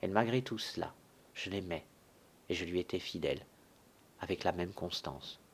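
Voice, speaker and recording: A man voicing a proud young widow in a solo dramatic reading of a stage farce, softly lamenting and then haughty and indignant. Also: sits low, moderate pace, slightly rough, pitched below the performer's own voice.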